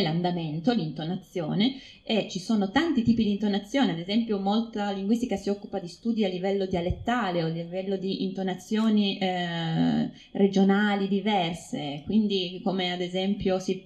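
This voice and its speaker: Woman speaker, low mellow voice, chatty lecture with many fillers, dull lo-fi room recording. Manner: explanatory, hesitant with many fillers. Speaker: phonetics researcher speaking at an event. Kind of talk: informal talk to an audience. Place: room with a live audience.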